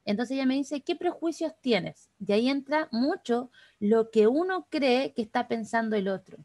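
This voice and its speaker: A woman with a Chilean accent, teaching an online class over a video call, talking quickly and chattily straight to the participants. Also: a little high, animated, darkish tone, no echo, clean studio sound. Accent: Chilean Spanish. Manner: fast, chatty, addresses participants directly. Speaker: workshop instructor.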